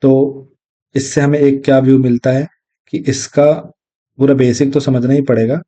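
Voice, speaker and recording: A man teaching an exam lesson, explaining step by step and repeating key terms, reading definitions slowly. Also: medium pitch, flat delivery, mellow. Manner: reads English definitions slowly. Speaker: exam tutor. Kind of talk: recorded lecture. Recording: dull lo-fi audio.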